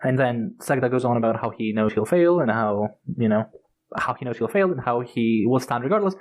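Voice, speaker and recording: A man's voice: mid-range voice, lively intonation, brisk, rough recording. A man co-hosting a podcast, retelling book scenes in a casual, rambling and enthusiastic way, with lots of fillers and the odd swear word. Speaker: podcast co-host.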